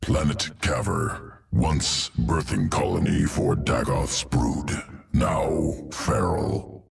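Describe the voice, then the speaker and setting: In a video game cutscene, a man voices an ancient, cold, menacing alien creature with clipped, clinical, detached pronouncements. His voice is extremely low, gravelly and guttural, with lively intonation, a slow pace and full character commitment.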